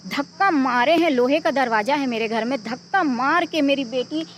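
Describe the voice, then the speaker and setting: A woman's voice: high voice, normal speed, a little hiss or hum. A middle-aged woman, the mother of a victim, giving an urgent, pleading eyewitness account in a news interview.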